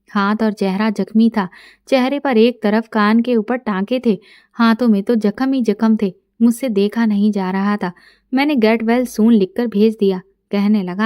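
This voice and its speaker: A middle-aged woman narrating a first-person story in a soft, intimate way, quoting dialogue plainly. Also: fairly high pitch, clean tone, no room sound, clean studio sound.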